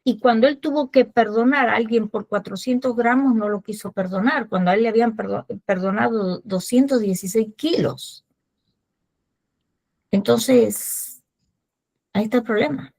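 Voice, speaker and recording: A woman's voice: on the high side, moderate pace, gravelly, a little mellow. A woman hosting a religious talk show, explaining her point in an earnest way. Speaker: ministry host.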